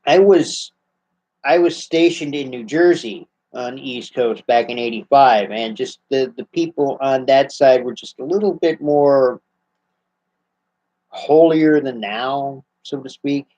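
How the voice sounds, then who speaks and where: A laid-back American man in his fifties with a mid-range voice hosts a casual live Q&A, answering viewer questions in a relaxed, halting way full of restarts and fillers. He sits in an armchair in a small room at home, close to a webcam that yields slightly dull lo-fi audio.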